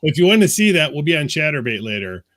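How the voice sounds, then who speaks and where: A man's voice: a little high, sing-song, quick pace, fairly bright tone, no room sound. A man co-hosting a casual podcast from his basement studio, joking crudely and laughing often. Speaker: co-host.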